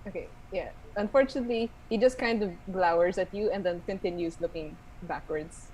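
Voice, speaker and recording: A woman's voice: lowish voice, fairly quick, a little mellow, slight background noise, low-quality recording. A woman narrating casually as game master of a tabletop role-playing game.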